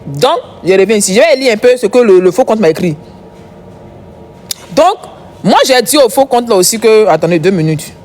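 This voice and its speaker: A woman's voice: medium pitch, expressive, moderate pace, darkish tone, slight background noise. A woman doing casual live commentary as a gossip streamer, chatty and repetitive, talking straight to her viewers.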